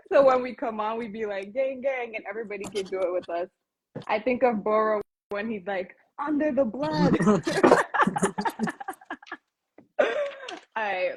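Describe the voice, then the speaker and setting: A woman hosting a casual livestream chat over a video call, animated and slangy, laughing often. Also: medium pitch, slow, long pauses, background noise. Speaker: host.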